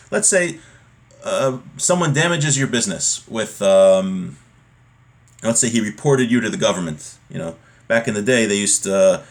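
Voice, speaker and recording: A man with a medium-pitched voice gives an informal lesson on religious law. He reads from a text and explains it conversationally, repeating points and using everyday examples.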